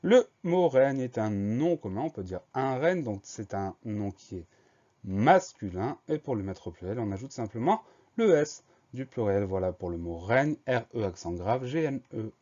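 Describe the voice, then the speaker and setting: A man leads a children's spelling lesson in a steady, patient tone. His voice is mellow and relaxed, and he spells each word out letter by letter. The recording sounds a little dull and lo-fi. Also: mid-range voice. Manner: slow, careful, spells words out letter by letter. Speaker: primary school teacher.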